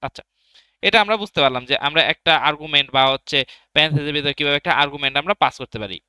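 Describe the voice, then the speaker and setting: A man's voice: fairly high pitch, bright, forceful tone, smooth, no room sound. A young man teaching programming in a casual tutorial, thinking aloud as he types and answering his own questions. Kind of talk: casual screen-recorded coding tutorial.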